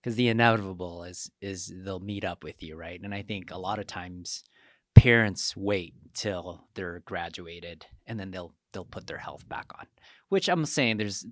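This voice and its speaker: Host, man, low voice, dry sound, casual and affirming. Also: unhurried, no echo. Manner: affirming, frequent backchannel agreement. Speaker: podcast host. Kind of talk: casual conversation.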